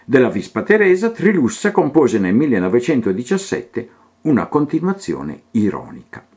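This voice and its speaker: Expressive man reading and reciting verse. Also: mid-range voice, normal speed, breathy edge. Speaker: narrator. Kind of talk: reading a literary text and poem aloud.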